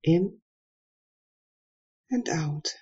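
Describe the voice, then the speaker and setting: Calm woman leading a meditation, super slow, husky mellow voice, kinda dull lo-fi sound. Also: fairly low pitch. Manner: slow, soft and calm instructions with long pauses. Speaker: meditation guide. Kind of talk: guided meditation.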